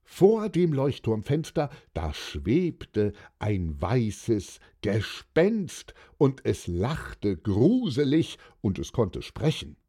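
A man's voice: medium pitch, huge pitch swings, very slow, hardly any pauses, mellow, breathy edge. Man narrating a children's story dramatically. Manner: dramatic narration with many voiced characters.

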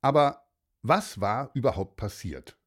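Erzähler: Mann, liest Kindergeschichten, gemütlich und langsam, lebhafte Melodie. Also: male voice, mid-range voice, expressive, measured pace, slightly rough. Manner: warm, chatty, addresses children directly. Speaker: storyteller. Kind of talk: children's story narration.

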